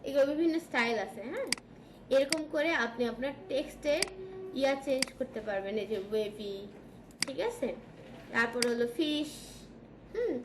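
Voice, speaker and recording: A woman with a Bangladeshi Bengali accent teaching a design software class, checking in often with her students. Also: sits high. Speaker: design tutor. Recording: echoey room with background noise.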